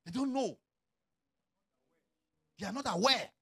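A middle-aged man preaching a sermon as a pastor, swinging from quiet, low asides to loud shouted calls. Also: lively intonation, measured pace, vocal fry, slightly rough.

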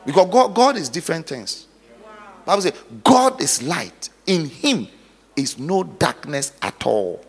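A male pastor preaching dramatically, moving from hushed storytelling to loud exhortation. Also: a little high, sing-song, a little slow, slightly rough. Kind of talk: sermon. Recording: long hall reverb.

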